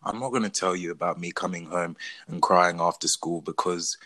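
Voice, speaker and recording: A young Englishman takes part in a casual discussion, speaking earnestly and from the heart, stopping and restarting mid-thought as he works through his own experiences. His voice is low and deep with a bright, forceful edge, steady in tone and at normal speed. The recording is close and dry, with no room sound.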